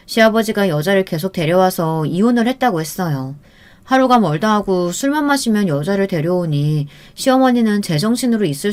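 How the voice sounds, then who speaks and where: A woman's voice: lowish voice, a little mellow. A woman narrating a scripted first-person real-life story in a conversational way.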